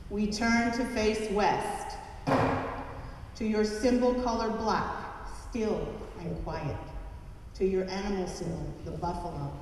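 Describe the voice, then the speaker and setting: A woman's voice: fairly low pitch, darkish tone, a little hiss or hum. A woman leading a recited church prayer in a solemn, chanted cadence with repeated refrains, heard through a cathedral echo. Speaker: prayer leader at a church service. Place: large church. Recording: cavernous church reverb from a distant mic.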